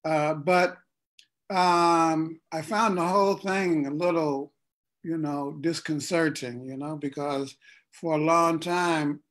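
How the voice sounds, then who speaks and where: A man from Ohio hosting a casual political discussion, speaking deliberately and pausing often mid-sentence. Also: a little high, steady tone, a bit bright. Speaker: host.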